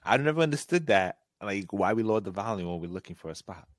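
A man with a fairly low voice hosts a casual podcast chat. His pitch swings widely as he jokes around in slang. The sound is dry and close. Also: fast, no room sound. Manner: animated, slangy, laughs often. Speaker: podcast host.

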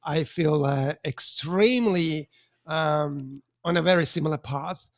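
High-voiced man in his fifties, chatty. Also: a little slow, no echo, clean studio sound. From Switzerland. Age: 50s. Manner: enthusiastic, many fillers and restarts. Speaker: podcast guest, mentor. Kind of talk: conversational interview.

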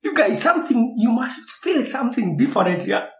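A male interviewer from Uganda chats in a playful, teasing manner, laughing often as he speaks. His voice swings widely in pitch, and the room around him rings with noticeable echo. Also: very animated, a little fast, fairly bright tone. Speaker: podcast host, interviewer. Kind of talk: casual interview chat.

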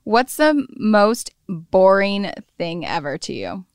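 A woman hosting a podcast in casual interview chat, playful, firing off quick questions and laughing often. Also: mid-range voice, very animated, clear, resonant tone, no echo, studio quality. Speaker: podcast host.

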